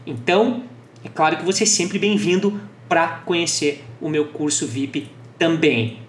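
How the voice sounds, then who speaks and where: A woman teaching English to Portuguese speakers, slowing down her model phrases for the listener to repeat. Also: low-pitched, a little hiss or hum. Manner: slow, drawn-out model phrases for repetition. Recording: echoey room with faint music.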